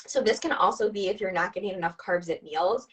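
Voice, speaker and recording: A woman's voice: mid-range voice, a little fast, fairly bright tone, recorded from a distance, poor audio. A woman who is a dietitian and nutrition coach, giving chatty, upbeat coaching advice on a video call. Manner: upbeat, chatty, asks listeners to respond. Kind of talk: conversational explainer, coaching advice.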